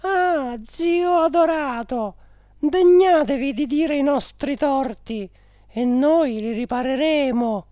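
Squeaky gushing lady begging a ghost to talk, way up high and slow. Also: warm tone, no room sound. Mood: pleading. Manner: pleading, gushing. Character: shrill anxious middle-aged lady at a séance.

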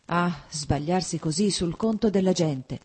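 Audiobook: woman voicing a reproachful middle-aged princess, low and husky. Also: lively intonation, brisk, warm tone. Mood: distressed. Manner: reproachful, emotional.

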